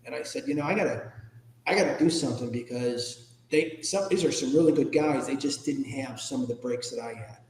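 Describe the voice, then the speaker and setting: An American man, a podcast guest who works as an ethics trainer and public speaker, gives reflective personal answers in an interview. He is candid and informal, occasionally salty, speaking briskly in a mid-range male pitch with a darkish tone. The room is echoey, with a long reverberant tail.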